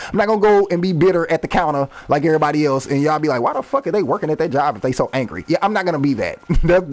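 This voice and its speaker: An American rapper in his thirties, who also streams games, rambles freely and swears while casually commentating on gameplay. His voice is somewhat high and a little mellow.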